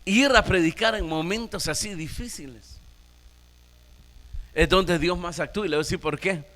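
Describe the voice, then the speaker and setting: Bright-voiced Nicaraguan man preaching a sermon. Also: high-pitched, moderate pace, long reverb tail. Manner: emphatic preaching with rhetorical questions to the congregation. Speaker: pastor.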